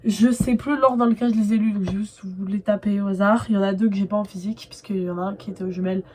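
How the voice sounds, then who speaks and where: A young woman chatting casually through a book review vlog, animated, with lots of filler words and bursts of excitement. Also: medium pitch, rapid-fire, slight background noise. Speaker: booktuber reviewing her reads.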